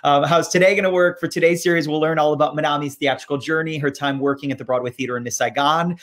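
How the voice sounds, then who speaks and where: A man's voice: fairly high pitch, steady tone, quick pace, a bit bright. A man hosting a casual live-stream interview, chatty and self-deprecating, with plenty of fillers. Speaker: host.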